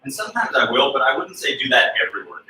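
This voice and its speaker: A man working as a fitness trainer who talks through exercises in a relaxed, chatty way, recorded indoors on a camera mic from a distance. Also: mid-range voice, rapid-fire. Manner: relaxed, chatty coaching with fillers. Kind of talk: casual workout instruction. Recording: roomy sound from a distant mic.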